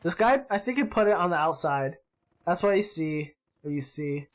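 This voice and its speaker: A man hosting his gaming channel, giving excitable gameplay commentary, yelping and groaning at the action and swapping in mild words for swearing. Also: fairly high pitch, moderate pace. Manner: excitable, yelps and groans at the game.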